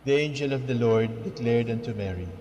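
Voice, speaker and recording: Priest with cathedral echo. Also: male voice, medium pitch, a little mellow, muffled recording, slight background noise. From Philippines. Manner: measured, solemn recitation. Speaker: priest leading a broadcast prayer. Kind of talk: leading a slow recited prayer. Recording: long church reverb over organ music.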